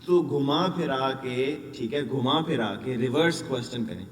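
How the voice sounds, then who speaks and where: Man teaching in an echoey room. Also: mid-range voice. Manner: repeats letter sounds in drills, asks and answers own questions. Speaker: Quran teacher trainer. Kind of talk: instructional lesson. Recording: echoey room, distant mic, faint noise.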